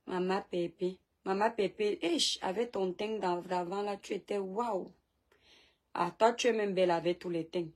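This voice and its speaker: A woman's voice: mid-range voice, a little mellow. A woman from Cameroon, hosting a casual live stream, chatting and answering viewer comments read aloud from her phone. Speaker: live-stream host and seller.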